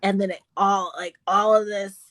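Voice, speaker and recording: A woman in casual chat, telling animated stories about her children and acting out their voices. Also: mid-range voice, normal speed, no room sound. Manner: animated storyteller, acts out her kids with squeals.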